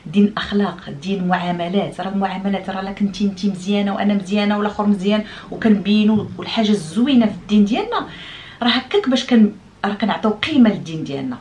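A woman's voice: medium pitch, slight background noise. A middle-aged woman with a Moroccan accent, chatting casually to her viewers, explaining and demonstrating things with French words mixed in. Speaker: vlogger.

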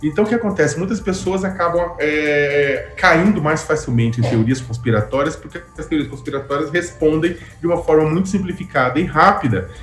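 A man's voice: a little high, fairly quick, few pauses, a bit bright. Man, 30s, interview guest, video call, echoey room, hesitant restarts, faint music. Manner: hesitant, restarts often, rising emphasis. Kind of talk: explanatory interview answers. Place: home room with framed pictures on wall. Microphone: webcam video call.

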